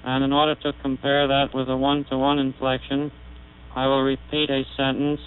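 On a tinny archival recording from the 1930s, complete with mains hum, a man recites test sentences to demonstrate an early speech synthesizer. His delivery is medium-pitched and completely flat, measured and explanatory, and the vocoder resynthesis makes it sound buzzy and synthetic.

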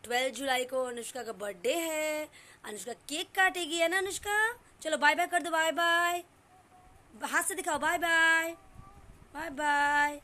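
A woman's voice: high voice, a little slow, bright, forceful tone. A woman filming a family vlog, coaxing a toddler through words and counting in a sing-song prompting voice. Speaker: family vlogger. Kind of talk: teaching a toddler on camera.

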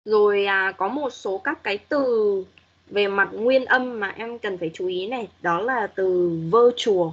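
A woman's voice: medium pitch, a little slow, slightly rough, muffled recording. A woman English teacher giving patient, corrective feedback to students in an online class, modeling pronunciation as she goes.

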